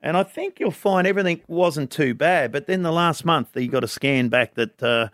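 A man's voice: a little high, moderate pace, fairly bright tone, no echo, clean studio sound. A man with a broad Australian accent hosting sports radio, giving news in a blunt, colloquial way and repeating phrases for emphasis. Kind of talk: sports news report with casual banter.

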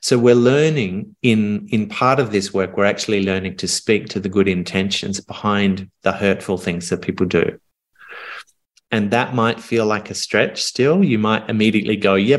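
A middle-aged man coaching a couple on a podcast, speaking in a low voice. He talks calmly and earnestly, leaving pauses as he reaches for his words. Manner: calm, earnest, speaks in reflective phrases with pauses. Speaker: communication coach.

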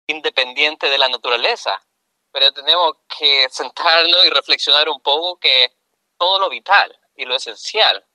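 A middle-aged man with a Chilean accent, a guest answering interview questions in an earnest, explanatory way with pauses mid-phrase. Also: on the high side, sharp tone, no room sound, low-quality recording. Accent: Chilean Spanish.

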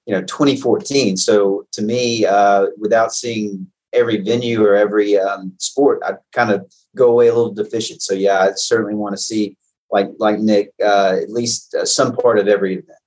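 A man answering interview questions haltingly, with many fillers. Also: lowish voice, fairly even intonation, darkish tone, poor audio. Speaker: guest, games organizer.

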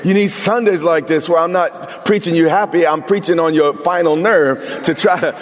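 A man's voice: fairly high pitch, moderate pace, in a large hall. A male pastor preaching an emphatic sermon, talking straight to his congregation with humorous asides.

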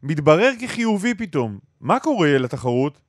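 A man's voice: a little high, sing-song, no echo, clean studio sound. A man with an Israeli accent working as a radio interviewer, pressing with questions and sardonic banter.

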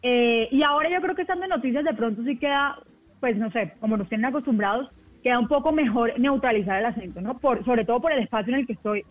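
A woman from the Colombian Caribbean coast with a softened coastal accent, a TV news presenter chatting quickly as a radio guest. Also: fairly high pitch. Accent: Colombian coastal Spanish, softened. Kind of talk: casual radio chat. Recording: tinny phone line, dry.

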